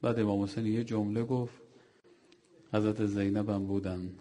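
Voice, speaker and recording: Male preacher, mourning sermon, low voice, mellow tone, emotional storytelling. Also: level tone. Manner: emotional, storytelling and exhorting the listeners.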